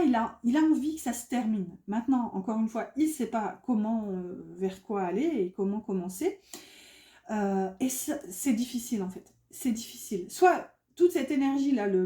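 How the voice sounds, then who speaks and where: A woman's voice: on the high side, dark tone, reverberant. A woman giving a casual tarot reading, chatty and full of fillers, often correcting herself. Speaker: tarot card reader.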